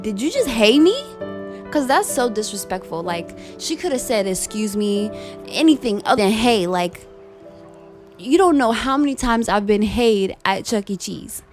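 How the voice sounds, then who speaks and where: A young woman venting a heated, profane work story in a casual vlog. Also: mid-range voice. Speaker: vlogger telling a work story. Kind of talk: casual storytime rant over gameplay.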